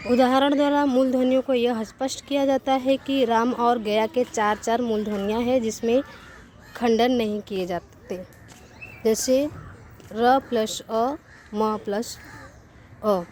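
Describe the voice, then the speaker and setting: Brief: female teacher, slow and deliberate, higher voice, spells out sounds, faint noise and crows behind. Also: darkish tone. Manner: repeats and corrects herself mid-sentence. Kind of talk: Hindi grammar lesson.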